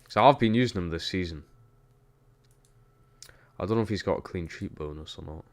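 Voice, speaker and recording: Deep-voiced Geordie streamer. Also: male voice, moderate pace. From Newcastle, England. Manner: chatty, reacts to the game and reads chat. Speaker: streamer playing a football game. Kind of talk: casual gaming stream commentary.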